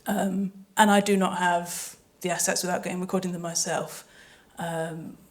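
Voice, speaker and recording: This panelist, an audio drama sound designer, speaks at a live event in a rather low, fairly flat voice that moves a little slowly. She gives thoughtful, detailed explanations, with some hesitation in her wording.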